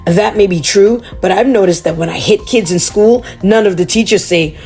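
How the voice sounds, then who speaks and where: A woman reading a chapter book aloud to children, chatty and animated. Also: medium pitch, normal speed, gravelly, soft background music.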